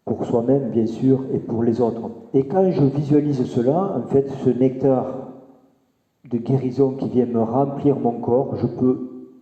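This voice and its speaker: A man teaching Buddhist meditation and explaining a healing mantra, gently, with frequent restarts and repetitions. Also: medium pitch, a little slow. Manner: gentle, repeats himself, many restarts. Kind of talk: spoken teaching with mantra recitation. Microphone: microphone. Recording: roomy, long reverb, dull sound.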